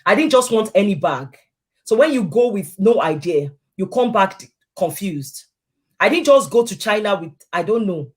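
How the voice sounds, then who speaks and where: Animated woman telling her business story. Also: mid-range voice, normal speed. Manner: animated storyteller acting out quoted exchanges. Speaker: guest. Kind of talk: casual interview chat.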